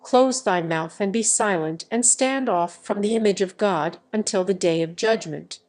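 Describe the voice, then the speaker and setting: A woman's voice: mid-range voice, moderate pace, a little mellow, lightly acted. A woman voicing an earnest, devoted son speaking in archaic words. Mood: commanding.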